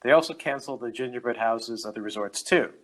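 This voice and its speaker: A man co-hosting a casual podcast, reading out news items in a steady, matter-of-fact way. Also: mid-range voice, fast talker, low-quality recording. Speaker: podcast co-host.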